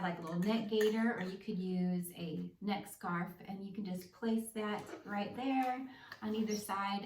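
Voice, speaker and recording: Echoey, distant woman vlogger explaining practically. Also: mid-range voice. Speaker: vlogger sharing personal experience. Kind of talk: casual explanatory vlog talk. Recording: echoey room, distant microphone.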